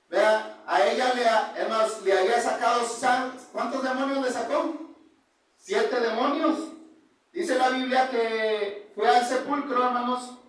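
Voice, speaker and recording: A man preaching an informal Bible sermon, constantly calling his listeners brothers and halting to restart his sentences. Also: very high-pitched, a bit bright. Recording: echoey room, distant mic.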